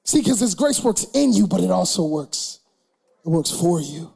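Husky, lively young preacher man. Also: high-pitched, moderate pace. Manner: humorous, builds to loud shouted preaching. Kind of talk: sermon with storytelling.

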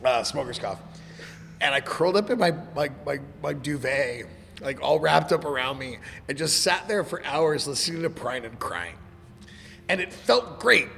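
A man with a slightly gravelly smoker's rasp chatting casually and informally about music. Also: fairly high pitch, expressive, normal speed, fairly bright tone. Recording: reverberant room with background noise.

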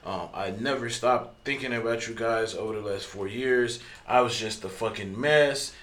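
A man hosting a podcast, telling a story in a loose, profane, casual way with many fillers and throat clearing. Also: lowish voice, normal speed, a bit bright. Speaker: podcast host.

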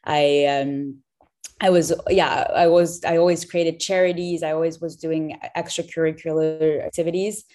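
A woman's voice: low-pitched, level tone, normal speed, mellow. A woman in her twenties, a startup founder guest on a casual podcast interview, chatty and upbeat with frequent fillers and restarts. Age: 20s.

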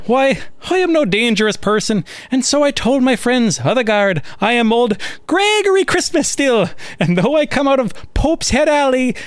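A man voicing old Christmas as a pompous, jolly old male figure, in an Irish accent and a high theatrical voice. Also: no room sound, clean studio sound.

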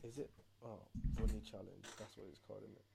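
A man's voice: lowish voice, fairly even intonation, quick pace, gravelly, a loud crowd. A young man with a London roadman accent chatting casually as a podcast co-host, using heavy slang and repeating phrases for emphasis. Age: young adult. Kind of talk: casual banter.

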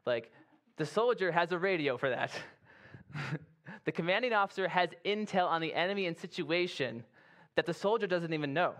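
A pastor preaching in a relaxed, conversational way. His voice sits a little high for a man, and he slips into playful asides as he acts out quoted characters. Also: normal speed. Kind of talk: sermon.

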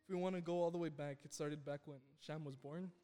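A man's voice: on the high side, steady tone, fast, warm tone, smooth, faint music behind. A young American man hosting a casual podcast, telling slangy, joking, self-deprecating stories among friends. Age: young adult. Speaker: podcast host.

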